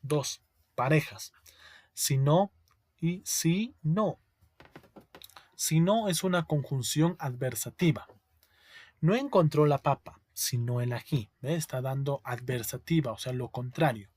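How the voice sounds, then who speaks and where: A male teacher giving a spelling lesson, explaining slowly, repeating each word and checking in with his students. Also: a little high, a little mellow, no room sound.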